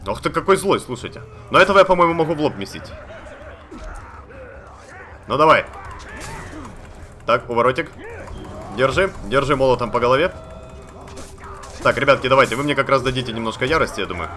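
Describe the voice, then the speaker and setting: Male let's-play gamer, bright tense voice, excitable chatty commentary, faint game music behind. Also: medium pitch, fairly quick, long pauses. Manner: chatty, excitable, talks to game characters, swears casually. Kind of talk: live gameplay commentary.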